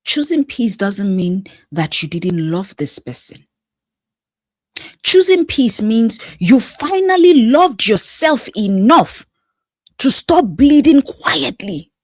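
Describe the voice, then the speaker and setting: A female life coach with a fairly high voice and big pitch swings speaks to camera in a motivational talk. She is emphatic and repetitive, using a preacher-like cadence with pauses and whispered asides, on a dry recording with no room sound.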